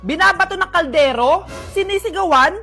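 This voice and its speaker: Woman, young, comedy skits, switches characters, yells and laughs, very high voice, faint background music. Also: expressive, normal speed. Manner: switches between characters, often yelling and laughing. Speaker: comedy skit creator. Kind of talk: comedic skit, playing every part.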